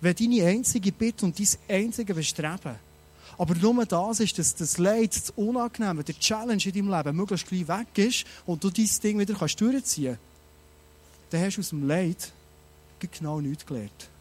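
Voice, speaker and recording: A man preaching a sermon, animated and speaking straight to his listeners with many rhetorical questions. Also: sits high, moderate pace, breathy edge.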